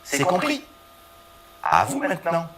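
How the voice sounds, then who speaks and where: A man's voice: on the high side, wildly swooping pitch, measured pace, noisy background. A man leading a scripted pronunciation drill, chanting rhythm syllables and stretching the last syllable of each phrase. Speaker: pronunciation instructor in a course video.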